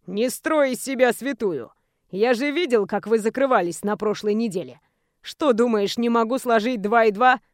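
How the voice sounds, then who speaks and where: Brief: woman voicing a lewd, taunting young male bully in a storybook, pushed lower and with a thicker, altered timbre. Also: moderate pace, dry recording, clean studio sound, lightly acted. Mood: sneering threatening. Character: arrogant blond male student, crude blackmailing bully.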